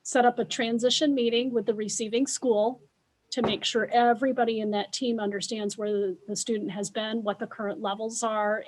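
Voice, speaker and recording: An American woman hosting an informational webinar as a school official, speaking in a measured way with pauses for an interpreter. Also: medium pitch, darkish tone, low-quality recording.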